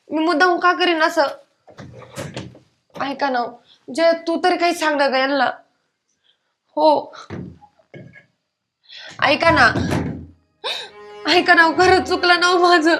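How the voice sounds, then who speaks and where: Pleading young wife, very high voice, faint music under. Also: female voice, fairly bright tone. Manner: pleading, begging. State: crying. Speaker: actor. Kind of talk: web series drama acting.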